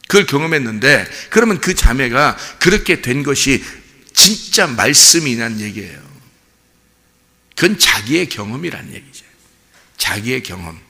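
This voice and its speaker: Pastor, male, gravelly and bright, sermon in a hall with long reverb. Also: medium pitch, moderate pace. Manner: storytelling, animated, addresses congregation with questions. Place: church sanctuary.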